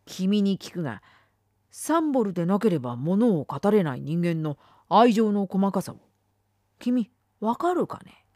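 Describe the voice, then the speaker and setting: A woman reading a literary essay aloud, dramatic, swinging between firm declarations and hushed whispers. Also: mid-range voice, big pitch swings, measured pace, dry recording, studio quality. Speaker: reader.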